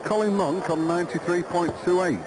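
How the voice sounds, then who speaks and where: A man's voice: high-pitched, brisk. A man giving live television commentary on a darts match. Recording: noisy broadcast over loud crowd. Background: loud darts crowd.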